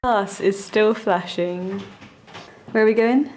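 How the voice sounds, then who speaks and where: Playful, tipsy young woman, unhurried. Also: medium pitch, darkish tone, slight background noise. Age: young adult. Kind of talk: casual chat with friends. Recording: busy background chatter.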